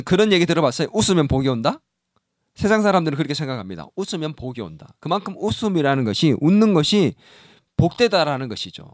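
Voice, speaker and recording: A middle-aged male pastor preaching with a high, lively voice that climbs and drops widely. He acts out little quoted voices as he goes, and the sound is dry and close. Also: dry recording. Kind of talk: sermon. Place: church sanctuary.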